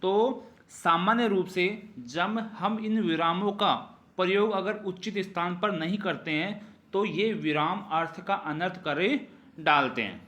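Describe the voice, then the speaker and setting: A man teaching a grammar revision lesson, repeating phrases and asking rhetorical questions, his pitch falling at the ends of sentences. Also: a little slow, fairly bright tone.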